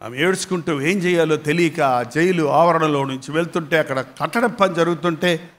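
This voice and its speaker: Male pastor, high voice, dramatic emotional preaching, long hall echo. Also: moderate pace. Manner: dramatic, emotional preaching with big swings in loudness. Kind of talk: sermon with storytelling.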